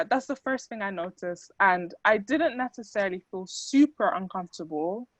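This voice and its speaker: A woman's voice: medium pitch, dry recording. Young woman from the netherlands, dutch first language, chatty with lots of ums, dull dry sound. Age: young adult. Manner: chatty, many fillers, animated quoting. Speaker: student speaker. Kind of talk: casual talk to an audience.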